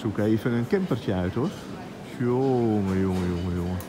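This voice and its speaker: A man's voice: fairly low pitch, normal speed, crowd noise. A middle-aged man chatting casually as he films a vlog in a large exhibition hall, exclaiming in amazement at what he sees. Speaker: vlogger. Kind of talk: casual vlog at a trade fair. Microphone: phone at arm's length. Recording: noisy hall background.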